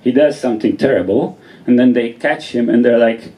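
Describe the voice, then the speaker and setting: A man's voice: mid-range voice, moderate pace, dark tone, rough recording. A man in his thirties from Poland with a Polish accent, doing chatty, self-deprecating open mic stand-up. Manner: chatty, self-deprecating, often laughing mid-sentence. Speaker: stand-up comedian. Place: small club stage in front of an audience.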